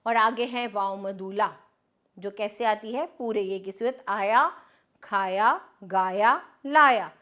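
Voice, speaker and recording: A woman's voice: medium pitch, slow pace, a bit bright. A woman teaching an Urdu spelling lesson with an Urdu accent, patiently explaining step by step and drilling word lists. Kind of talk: classroom lesson on spelling rules.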